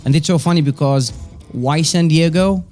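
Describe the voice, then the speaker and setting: A man in his forties who owns a business talks casually about his own experiences as an interview guest, with a Moroccan accent from his native Arabic and French. His voice is a little high with a darkish tone, at a moderate pace, and soft music plays behind.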